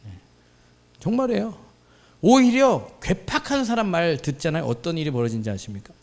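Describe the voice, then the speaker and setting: A man's voice: a little high, fairly quick. Thirtysomething pastor guy preaching, playful, keeps acting out other people's voices. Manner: lively, playful, acts out quoted voices. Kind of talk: sermon with acted-out anecdotes. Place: church hall.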